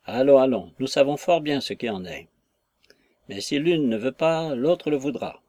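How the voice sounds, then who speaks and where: A man's voice: mid-range voice, animated, normal speed, dark tone, dry recording, lightly acted. A man voicing a chatty, gossiping female innkeeper who rattles on with exclamations, in an audiobook reading of a classic novel. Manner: garrulous, wheedling, full of exclamations.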